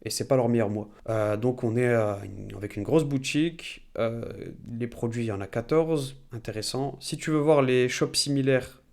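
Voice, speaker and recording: A man of ordinary pitch guides a viewer through a screen-share tutorial. He thinks aloud in a relaxed, chatty way, filling pauses as he goes and talking straight to the viewer. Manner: relaxed, many fillers. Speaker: e-commerce YouTuber.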